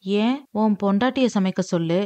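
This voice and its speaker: A woman's voice: medium pitch, normal speed, dark tone, no room sound, natural voice. A woman voicing an elderly grandmother, hurt and resolute, who thinks aloud in anguish. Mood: weary. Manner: anguished inner monologue. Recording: dry, slightly dull lo-fi.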